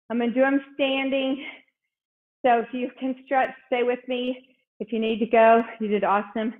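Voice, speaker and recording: A breathless woman fitness instructor leads a workout, cheering people on and counting reps in a slightly high voice. She speaks slowly and takes her time between cues. The sound is thin and tinny, as if heard over a phone line. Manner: upbeat, encouraging, counts reps aloud. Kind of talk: coaching a live workout.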